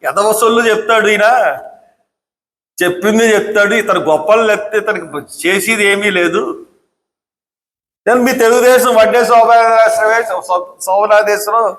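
A man's voice: high voice, steady tone, normal speed, long pauses, a bit bright. A man giving a combative political speech, scolding with repeated rhetorical questions. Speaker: political commentator. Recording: echoey hall.

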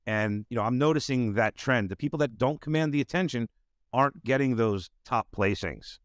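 A man's voice: medium pitch, normal speed, no echo, studio quality. A middle-aged man hosting a podcast interview over a video call, talking casually and padding his sentences with "you know". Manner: rambling, full of "you know" fillers. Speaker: podcast host. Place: home studio with bookshelves. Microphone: desk mic on video call.

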